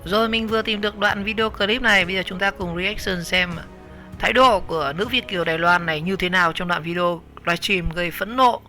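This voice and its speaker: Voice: mid-range voice, fairly quick, pushed and bright, faint music behind. A commentator reading scripted online news narration in an earnest, indignant tone.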